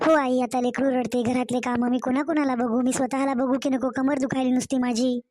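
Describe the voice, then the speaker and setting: A woman's voice: sits high, flat delivery, a little fast, darkish tone, natural voice. A woman voicing a weary young new mother, complaining and pleading to her own mother in a cartoon story.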